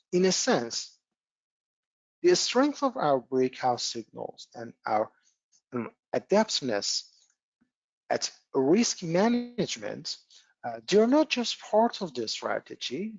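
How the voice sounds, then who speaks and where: Man presenter, unhurried, lots of "uh", dry lo-fi mic. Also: mid-range voice, vocal fry, no echo. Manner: frequent "uh" fillers, rhetorical questions. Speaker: trading webinar presenter. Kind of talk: webinar lesson, partly read script.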